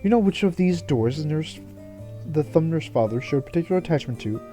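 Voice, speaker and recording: A man voicing a polite, inquisitive investigator who speaks in a formal, measured way. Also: a little high, animated, warm tone, faint music behind, natural voice. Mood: inquiring.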